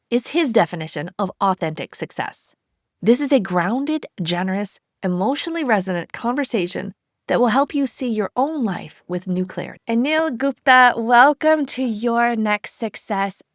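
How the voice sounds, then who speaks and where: A woman's voice: fairly high pitch, animated, normal speed, no echo, studio quality. A woman hosting a podcast, reading a polished guest introduction and then chatting with enthusiasm. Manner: enthusiastic, effusive. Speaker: podcast host. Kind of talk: scripted intro then casual interview.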